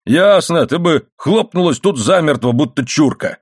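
A man voicing a touchy, childish middle-aged coal miner who complains loudly in a raised voice. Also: on the high side, expressive, moderate pace, breathy edge, dry recording, studio quality, voice pushed up. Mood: grumbling. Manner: loud, complaining, exclaiming in a raised voice.

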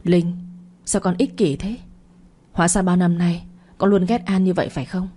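A woman's voice: fairly low pitch, fairly even intonation, moderate pace, dark tone, husky. A woman voicing a stern, angry middle-aged father who scolds and reproaches. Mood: scolding.

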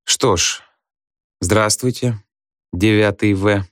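A man's voice: fairly low pitch, slow, no room sound, clean studio sound. A man reading an audiobook voices a stern young male teacher who gives curt, commanding orders. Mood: dry. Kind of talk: audiobook character voice.

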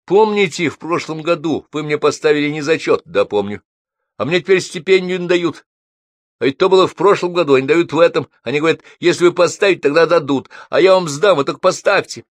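A man's voice: a little high, moderate pace, few pauses, darkish tone, no room sound, pitched above the performer's own voice, close to an everyday voice. A man voicing a whining young male student in an audiobook, insistently begging. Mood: wheedling. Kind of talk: audiobook reading.

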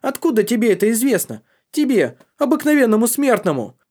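A man reading an audiobook, voicing a drugged, megalomaniac boy who shouts in a shrill, boastful, frantic way. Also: normal speed, close to an everyday voice. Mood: manic, scornful.

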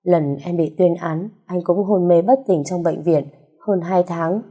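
A woman reading an audio story gives voice to a devoted young husband, speaking gently and reassuringly. His tone is low and mellow, close to the storyteller's own. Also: a little slow. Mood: tender.

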